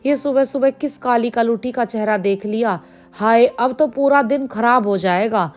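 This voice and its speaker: Spiteful village women at a pond, taunting and scornful, as a woman narrator plays them. The voice is high, with soft music underneath. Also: a little slow, lightly acted.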